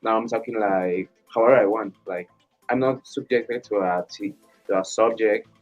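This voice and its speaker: A man's voice: fairly low pitch, fairly even intonation, normal speed, faint music behind. Candid young man on dull lo-fi radio. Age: young adult. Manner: open and candid, laughs between phrases. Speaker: student guest on school radio. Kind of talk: casual chat.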